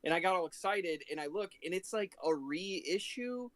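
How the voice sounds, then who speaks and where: Wry, slightly high American dad, grumbly casual chat. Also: male voice, lively intonation, moderate pace. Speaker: co-host, a parent.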